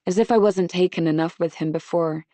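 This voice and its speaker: A woman reading a first-person audiobook in a measured storytelling manner on a close studio mic. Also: on the low side, mellow, no room sound. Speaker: audiobook narrator. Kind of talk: scripted first-person narration.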